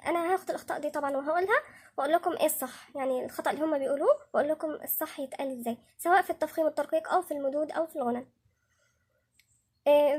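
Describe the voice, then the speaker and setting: A woman with a high voice and an Egyptian Arabic accent leads a patient tajweed lesson. She breaks each word down and says every sound again and again so learners can copy it. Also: darkish tone. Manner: patient, repeats each sound several times to demonstrate. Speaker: Quran recitation teacher.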